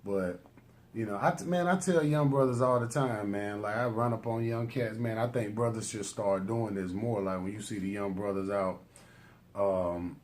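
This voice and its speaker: A man's voice: lowish voice, steady tone, moderate pace, darkish tone, slight background noise. A man vlogging in a casual motivational monologue, emphatic, laughing between points and filling his talk with "man" and "you know what I'm saying.". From United States. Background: music.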